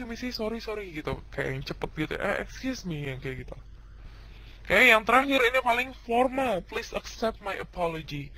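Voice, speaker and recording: A man's voice: high voice, fairly bright tone, low-quality recording. A man giving a casual, upbeat video lesson in slangy everyday speech. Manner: slangy Jakarta-style casual teaching, upbeat. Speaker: English teacher.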